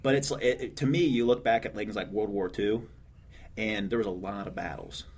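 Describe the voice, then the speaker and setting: Cocky low-voiced wrestler man. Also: normal speed, darkish tone, slight background noise. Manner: cocky, boastful declarations. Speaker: pro wrestler guest. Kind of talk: wrestling promo talk.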